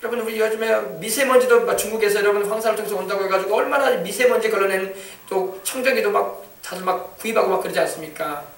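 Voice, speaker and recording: High-pitched fast-preaching man pastor. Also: fairly bright tone. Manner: emphatic, repetitive, calls out hallelujah. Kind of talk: sermon. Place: church sanctuary. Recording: echoey church hall from far off.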